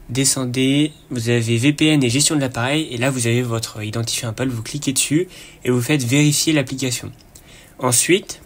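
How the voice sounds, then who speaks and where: A man hosting a casual screen-recorded tech tutorial, relaxed and chatty, often pausing with fillers and a quick "hop" as he clicks. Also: mid-range voice, breathy edge.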